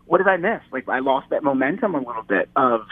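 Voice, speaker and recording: A man from Metro Detroit speaks in a mid-range voice, animated and fast, as a guest chatting casually in an interview. He rambles, often restarting and repeating words. The recording is dry and sounds like a tinny phone line.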